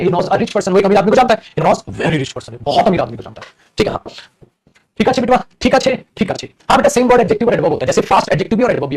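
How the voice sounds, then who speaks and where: A man teaching English grammar in an online live class. He calls his students 'beta' fondly, mixes Hindi and English, and makes teasing asides. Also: high-pitched.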